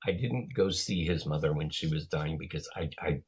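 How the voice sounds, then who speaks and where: A man's voice: rumbling low, normal speed, slightly rough. A man talking in a casual chat, hesitant, with many fillers and trailing phrases.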